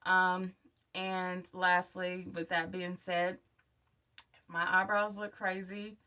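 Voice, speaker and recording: A vlogger in her thirties who has just started wearing dentures talks candidly and encouragingly to viewers in a casual personal update. Her fairly low voice is clear, resonant and sharp, with little pitch movement and a slow pace, though the audio is dull and she sits somewhat far from the mic.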